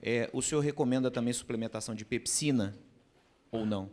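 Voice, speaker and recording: A polite male student at a middle pitch, asking a lecturer about supplements. He speaks deferentially and keeps his acknowledgements brief. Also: a little fast, a little mellow.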